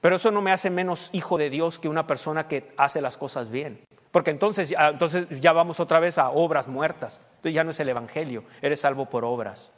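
A middle-aged man preaching a sermon as pastor, emphatic and rising to loud peaks as he counts off his points. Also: a little high, brisk. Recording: long hall reverb.

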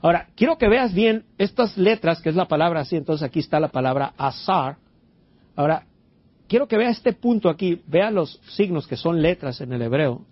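Husky pastor preaching. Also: male voice, a little high. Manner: preachy, asks the congregation questions, interjects amen and hallelujah. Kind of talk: sermon. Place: church before a congregation. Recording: dull lo-fi church recording.

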